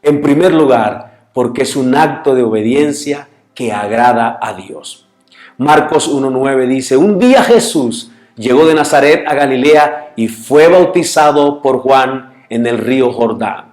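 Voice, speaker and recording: Slow, deliberate man teaching Bible class. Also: mid-range voice, darkish tone, soft background music. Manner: reads Scripture aloud and asks the listeners questions. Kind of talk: church Bible study lesson. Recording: echoey room.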